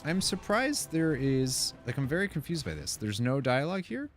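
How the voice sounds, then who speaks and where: This man's medium-pitched voice swings widely in pitch as he moves at a moderate pace. He's a gaming content creator musing aloud and reading out quest text in casual commentary, with game music and sounds playing faintly behind.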